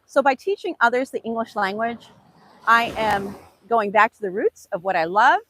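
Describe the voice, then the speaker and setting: Her voice runs on the high side, moving at a moderate pace with lively intonation and a somewhat bright quality. The recording is low-quality with a bit of hiss or hum. An American English teacher of Hungarian immigrant background, whose native tongue is Hungarian, she gives a casual, sincere self-improvement pep talk, repeating lines and asking questions.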